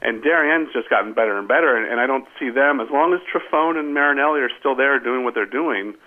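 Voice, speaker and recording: A male sportswriter chatting casually about high school sports, rambling and saying "I mean" a lot. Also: quick pace, narrow, tinny audio. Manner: rambling, restarts often, says "I mean". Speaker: sportswriter guest.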